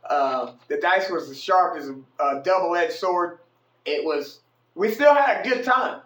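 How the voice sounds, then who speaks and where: A man telling a casual story about his own night out, animated and slangy, swearing freely. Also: sits high, a little slow. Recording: echoey room.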